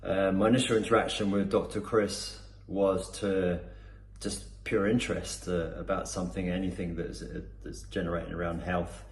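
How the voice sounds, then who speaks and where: A man from Cornwall, England, speaking with a Cornish accent, gives an unscripted customer testimonial, hesitating often with fillers and restarts. His deep voice shows little pitch movement and keeps a moderate pace. The room is echoey, with faint background noise.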